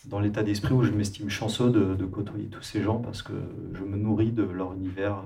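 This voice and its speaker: A man from France, a musician and producer, talking in a relaxed interview with many hesitations and restarts. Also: lowish voice, vocal fry, far from the mic.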